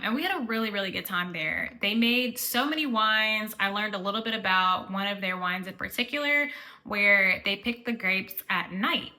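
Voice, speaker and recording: Bright-voiced woman vlogger, chatty. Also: mid-range voice. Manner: chatty, fills speech with "like". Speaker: travel vlogger. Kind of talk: casual travel recap.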